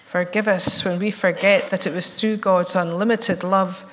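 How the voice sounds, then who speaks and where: Leading prayer and then a children's talk, a woman pastor shifts from a measured, prayerful tone to a chatty, playful one with the kids. Her fairly low, steady voice is slightly croaky while it recovers, echoing through the large church sanctuary.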